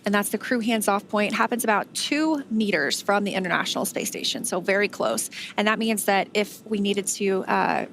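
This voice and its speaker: A woman's voice: mid-range voice, moderate pace, few pauses, fairly bright tone, a little hiss or hum. A woman giving conversational, explanatory live commentary as a space mission broadcast host.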